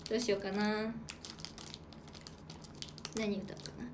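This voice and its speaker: A woman's voice: medium pitch, level tone, unhurried, background noise. A woman from Hokkaido, an idol livestreaming alone, who chats casually, reads out viewer comments and thanks people while eating. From Hokkaido, Japan. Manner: chatty, playful, eats while talking. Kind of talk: casual solo livestream chat.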